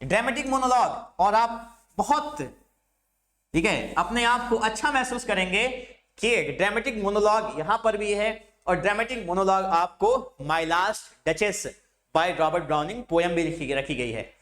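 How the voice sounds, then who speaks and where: A man teaching English literature in Hindi, stretching the English terms out slowly as he lectures through a syllabus. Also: high-pitched, a bit bright.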